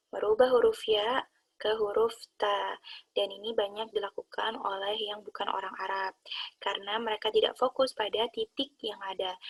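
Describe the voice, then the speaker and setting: A woman calmly explaining Quran recitation rules to her students. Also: mid-range voice, slightly rough. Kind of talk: explaining a lesson.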